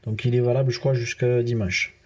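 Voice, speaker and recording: A man's voice: medium pitch, little pitch movement, a little fast, highs cut off. A man with a southern French accent giving casual let's-play commentary as a gaming YouTuber, chatting straight to his viewers with lots of fillers.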